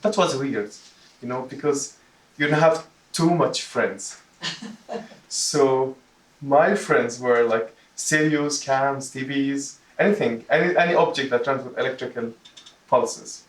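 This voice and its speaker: A man from Jordan, a club member, gives his first prepared personal speech to a club audience in a meeting room. His medium-pitched delivery is halting. The microphone is distant, leaving a roomy echo.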